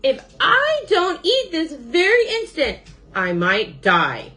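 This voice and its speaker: Woman voicing a high, whiny, picky storybook bird. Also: very animated, measured pace, fairly bright tone, exaggerated voice. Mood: demanding, desperate. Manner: demanding, exclamatory, complaining. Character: whiny, picky, dramatic hungry male bird. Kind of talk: children's storybook character voice.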